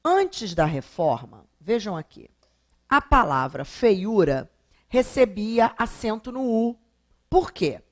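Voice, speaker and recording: A woman's voice: medium pitch, sing-song. Emphatic Brazilian woman teaching grammar. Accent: Brazilian Portuguese. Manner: emphatic, drawn-out syllables when stressing examples; rhetorical questions answered herself. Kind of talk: recorded video lesson.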